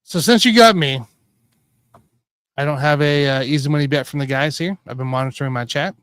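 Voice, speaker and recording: A man hosting a casual sports betting show, rambling and correcting himself as he tells excitable stories. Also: a little high, brisk, clean tone, dry recording, clean studio sound. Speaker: podcast host.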